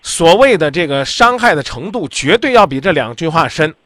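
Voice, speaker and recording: A man's voice: on the high side, big pitch swings, moderate pace, a bit bright, dry recording. A man hosting a radio call-in advice show, talking bluntly and insistently, lecturing the caller.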